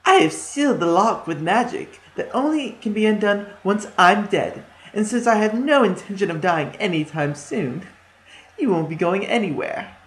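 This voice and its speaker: A man voicing a cunning female witch who eats children, speaking in a drawn-out, sugary, menacing way. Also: sits high, lively intonation, fairly bright tone, voice pushed up. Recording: echoey room.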